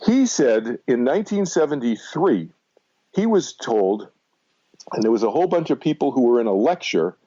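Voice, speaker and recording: A meditation teacher in his sixties from Massachusetts appears as a guest on a conversational radio interview, telling personal stories. His mid-range voice is mellow and dark, sing-song, at normal speed; he speaks emphatically and loops back over his points, and the audio is slightly dull and lo-fi.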